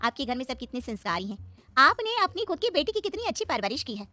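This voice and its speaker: Gossiping neighbor, middle-aged, sly and nosy. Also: female voice, high-pitched, expressive, brisk, a bit bright, dry recording, soft background music. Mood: gossipy.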